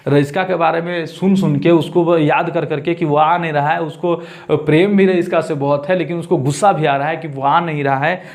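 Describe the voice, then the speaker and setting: A man's voice: a little high, fairly even intonation, moderate pace, few pauses. A male teacher explains a story, repeating lines and asking and answering his own questions.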